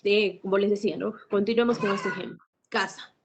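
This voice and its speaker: Woman teacher, classroom lecture, mid-pitched voice, dull lo-fi recording. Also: steady tone, a little fast, background noise. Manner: asks frequent tag questions; clears throat often.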